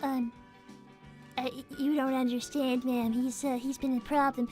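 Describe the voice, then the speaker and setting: Timid, well-mannered child rabbit, high little voice, earnest and hesitant, cartoon livestream over faint music. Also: female voice, level tone, a little slow, a little mellow. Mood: hesitant, polite. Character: Cream, polite timid little rabbit girl, owner's daughter. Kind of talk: improvised character livestream.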